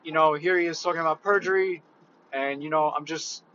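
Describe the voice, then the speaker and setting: A man in a casual, reflective monologue, talking haltingly with many fillers. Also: on the high side, fairly even intonation, sharp tone, dull audio. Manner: hesitant, halting, heavy on fillers.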